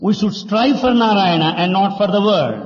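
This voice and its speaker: Slow high-voiced male interpreter. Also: animated. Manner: short measured phrases. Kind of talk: consecutive translation of a discourse. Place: large hall. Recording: dull 1992 archive tape in an echoey hall.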